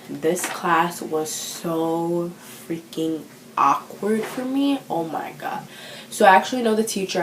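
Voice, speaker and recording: A woman's voice: lowish voice, roomy sound, a little hiss or hum, low-quality recording. A teenage girl chatting to the camera in a vlog, self-conscious and full of fillers. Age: teens. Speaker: vlogger. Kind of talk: casual chat.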